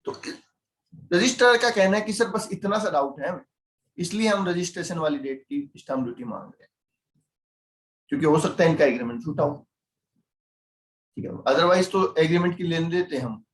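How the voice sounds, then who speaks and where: A man's voice: on the high side, normal speed, long pauses, echoey room, rough recording. A man with an Indian accent teaching a CMA class online. He explains points through everyday role-play examples and keeps putting questions to his students.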